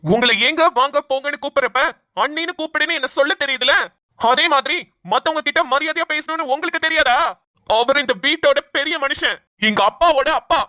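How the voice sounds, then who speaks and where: A woman's voice: sits high, a little fast, bright, forceful tone, dry recording, clean studio sound. A woman voicing a hot-tempered younger son in a cartoon, scolding indignantly. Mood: angry scolding. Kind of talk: cartoon voice acting.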